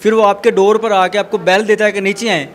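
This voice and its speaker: A man's voice: high-pitched, level tone, brisk, slight background noise. A man interviewing a woman, asking pointed, skeptical questions. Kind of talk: probing interview.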